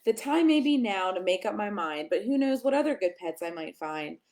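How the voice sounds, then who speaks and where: During children's storytime, a woman with a medium-pitched voice reads a picture book in an expressive, sing-song manner. She uses emphatic pauses and offers short asides to the listeners.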